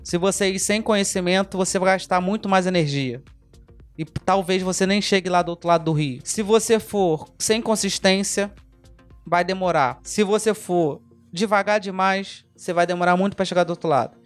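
A man's voice: high voice, fairly quick, faint music behind. Emphatic Brazilian motivational podcaster man. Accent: Brazilian Portuguese. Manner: emphatic, repetitive, addresses listener directly. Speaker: podcast host and mentor.

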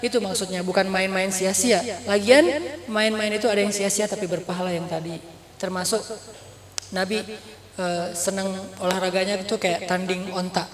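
A man giving a casual sermon to young people, telling stories lively in relaxed everyday slang, recorded in a mosque hall. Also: high-pitched, moderate pace. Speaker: preacher. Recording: echoey hall with long reverb.

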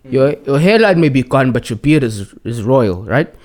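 A man's voice: mid-range voice, animated, normal speed, a little mellow. A young man hosting a casual podcast, bantering in London roadman-style slang and repeating words for emphasis. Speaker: podcast host.

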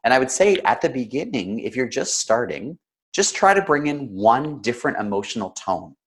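A man who is slightly sick, coaching conversationally with examples in a practised storyteller's delivery, with emotion and deliberate pauses. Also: medium pitch, big pitch swings. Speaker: storytelling coach and interview guest.

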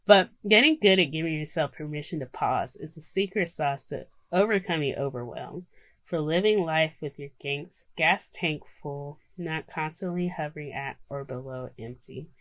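A woman's voice: low voice, sharp tone, dry recording. A woman co-hosting a podcast, informally mixing casual chat with self-care advice read aloud. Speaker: podcast co-host.

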